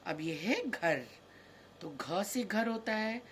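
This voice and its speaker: A woman's voice: medium pitch, animated, slow pace, slight background noise. A woman teaching a kindergarten class, walking young children through a worksheet in a patient, sing-song way and stressing each letter. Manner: talks straight to the children.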